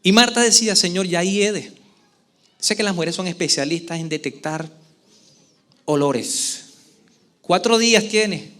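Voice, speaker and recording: Man, pastor, sermon, lively preaching, high voice, asks the congregation questions. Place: church service before a congregation.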